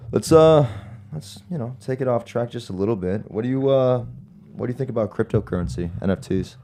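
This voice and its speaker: A man's voice: medium pitch, expressive, fairly quick, mellow, slight background noise. A man co-hosting a podcast in casual conversation. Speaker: podcast co-host. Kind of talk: casual chat.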